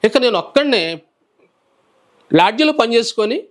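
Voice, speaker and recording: A man who is a preacher, telling his personal testimony in a calm, soft-spoken way during an interview. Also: extremely high pitch, normal speed.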